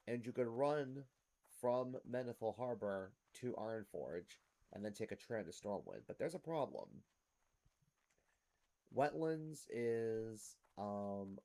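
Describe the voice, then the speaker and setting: A man's voice: on the low side, dark tone. A man hosting a gameplay series, explaining things to viewers in casual commentary. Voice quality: rough smoker's-type cough.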